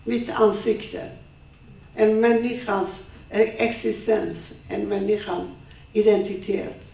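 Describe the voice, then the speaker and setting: A middle-aged woman and women's rights activist delivering a personal testimony from a stage, telling it in slow, halting, emotional phrases. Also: mid-range voice, creaky, mellow. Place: stage in a large room. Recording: echoey room, speaker far from mic.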